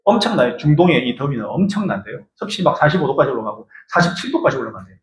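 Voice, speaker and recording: A man preaching a Sunday sermon as pastor, animated and questioning his congregation in a church sanctuary. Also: medium pitch, fast talker. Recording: echoey church room.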